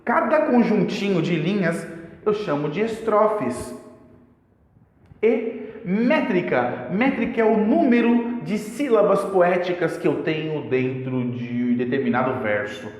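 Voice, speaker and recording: Echoey Brazilian teacher, chatty and lively. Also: male voice, high voice, slow pace. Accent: Brazilian Portuguese. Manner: chatty, addresses viewers with slang and checks like "tá certo?". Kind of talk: casual video lesson on poetry. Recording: very echoey room with long reverb.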